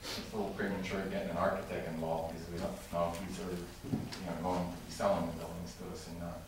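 A man making a halting public comment to a city council, full of fillers and restarts. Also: low voice, little pitch movement. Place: large council chamber with tall windows. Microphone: room mic from far off. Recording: echoey chamber recorded from far off with noise.

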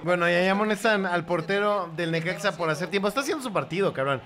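A young man with a Mexican accent talks through a live football match for his channel. His voice sits high and bright, with a sharp forward edge. He curses freely and bursts into shouts at the screen. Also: fast. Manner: profane, excitable, shouts at the screen. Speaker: football fan reaction host.

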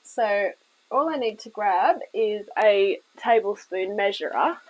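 A woman's voice: medium pitch, lively intonation, slow pace, poor audio. Chatty woman host, a little weak from illness. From New Zealand. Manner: chatty, reassuring, talks the viewer through each step. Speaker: home cooking show host. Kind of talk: casual cooking demonstration. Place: home kitchen, at a table.

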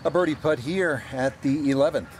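A man playing a measured, encouraging television golf commentator in a sports video game. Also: fairly high pitch, a little hiss or hum, natural voice.

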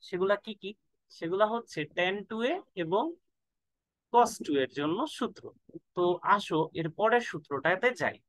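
A man's voice: high voice, animated, normal speed, a bit bright, no echo, low-quality recording. A man tutoring math in a casual lesson, thinking aloud and stretching words out while he works through formulas. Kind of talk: casual lesson, mixing in English.

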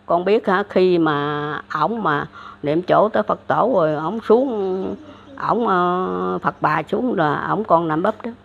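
A woman's voice: fairly low pitch, slow pace, creaky. An older woman with a Southern Vietnamese accent, casually retelling a religious legend, rambling with many fillers and restarts. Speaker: elderly storyteller. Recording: dull lo-fi recording.

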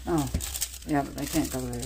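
An older woman from Nova Scotia, Canada, vlogs on a phone held at arm's length, first in a parked truck, then in her home kitchen. Her voice is a rumbling, creaky low with a steady tone at normal speed. She's chatty and teasing, laughs often, and the phone recording is noisy.

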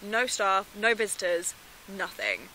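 A woman's voice: mid-range voice, big pitch swings, a little slow, sharp tone, slight background noise, low-quality recording. A woman in her twenties acting an anxious, determined sister confiding in a found-footage video diary. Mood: uneasy, confiding. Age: 20s. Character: worried determined young woman searching for missing sister. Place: small room, then outdoors in bare woodland. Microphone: handheld camera at arm's length.

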